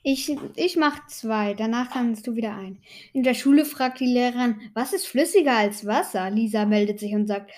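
A woman's voice: on the high side, moderate pace, a little mellow. A woman casually telling jokes, often hesitating with fillers as she recalls them from memory.

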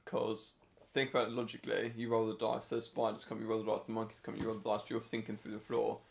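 A man's voice: on the low side, completely flat delivery, quick pace, gravelly. A man co-hosting a casual film podcast, bantering in a slightly mock-serious way. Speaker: podcast co-host.

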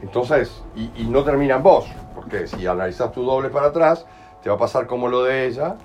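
A man's voice: mid-range voice, fairly quick, a little mellow, dull audio, faint music behind. Uruguayan man explaining colloquially. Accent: Uruguayan Spanish. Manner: colloquial, explains with acted examples and asks ¿entendés?. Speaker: healing workshop leader. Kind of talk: in-person talk to a small group.

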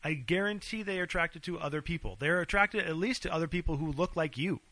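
Male podcast co-host, earnest explainer, a touch high, bright and dry. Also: fast, no echo. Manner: earnest, explanatory, swears freely. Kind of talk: casual chat.

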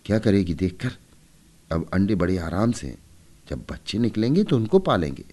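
A man's voice: low voice, very animated, normal speed, darkish tone. A man voicing a bossy, anxious young boy who scolds his little sister in a storybook reading.

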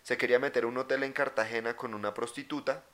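A young man co-hosting a podcast, telling stories in crude, animated slang. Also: mid-range voice, fast talker. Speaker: podcast co-host. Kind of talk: casual chat.

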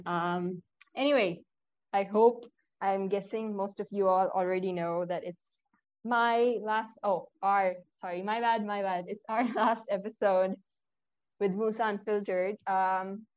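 A woman's voice: medium pitch, fairly even intonation, unhurried, clear, resonant tone, lo-fi sound. Chatty young woman host. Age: young adult. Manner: chatty, addresses listeners directly, self-correcting. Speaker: podcast host. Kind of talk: casual podcast chat.

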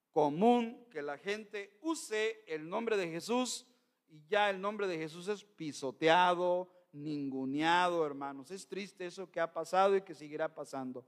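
A middle-aged man, preaching a Sunday sermon as pastor, emphatic and often calling out to his brothers in the congregation. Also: a little high.

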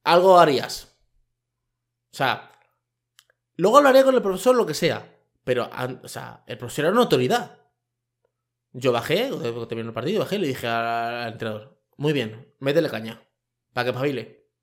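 A man's voice: mid-range voice, big pitch swings, normal speed, pauses often. A man, hosting a podcast as a colloquial, rambling opinion monologue into a microphone. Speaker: podcast host. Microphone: microphone with camera.

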